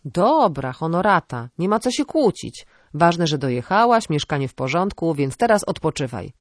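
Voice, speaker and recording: A woman's voice: low voice, very animated, normal speed, no echo, studio quality. A woman voicing an exasperated, scolding older cousin. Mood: weary. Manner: scolding, sarcastic.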